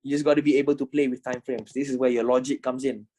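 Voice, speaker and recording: Quick, flat, and mellow, the man's voice sits at medium pitch. He's in his twenties, a trading instructor ending a casual online class, swearing, repeating things, and frequently asking "you know?"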